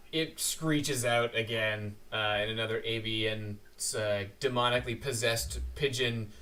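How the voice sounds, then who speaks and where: A man running a tabletop game as game master, narrating the action in a relaxed, halting way with many fillers. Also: fairly low pitch. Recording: distant mic with faint noise.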